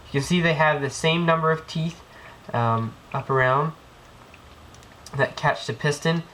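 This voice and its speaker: Working on the floor of an indoor room, a man with a cold demonstrates airsoft gearbox tech in a casual hands-on tutorial. His voice is a little high and a bit bright, at a measured pace, full of ums and restarts as he rambles. It's a noisy home video with clicks.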